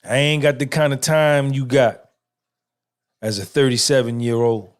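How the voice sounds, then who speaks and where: A man's voice: medium pitch, moderate pace. A middle-aged man hosting a podcast, giving an emphatic, swaggering motivational monologue full of repetition and cursing. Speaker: podcast host.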